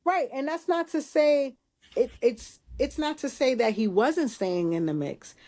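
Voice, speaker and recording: A woman co-hosting a casual podcast chat, thinking out loud with restarts and emphatic asides. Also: sits high, animated, measured pace. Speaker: podcast co-host.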